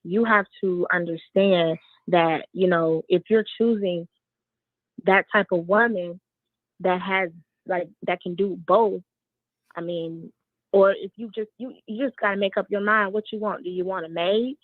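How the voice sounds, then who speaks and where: A woman's voice: medium pitch, steady tone, unhurried, no echo. A woman calling in over a phone line, earnestly making her point with hesitations and repeats. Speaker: caller. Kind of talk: casual call-in opinion. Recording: dry, narrow phone line.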